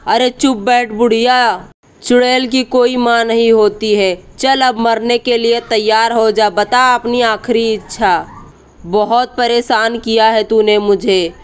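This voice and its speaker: A woman's voice: a little high, fairly even intonation, unhurried, clean tone, close to an everyday voice. Menacing witch daughter-in-law, voiced by a woman. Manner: taunting, threatening.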